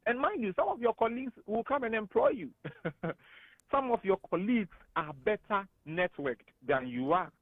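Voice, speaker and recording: A man's voice: high voice, moderate pace, dry recording. Emphatic Ghanaian man on tinny radio. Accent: Ghanaian English. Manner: animated and emphatic, laughs often. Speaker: guest analyst. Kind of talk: radio talk show discussion. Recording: tinny phone-like radio studio sound.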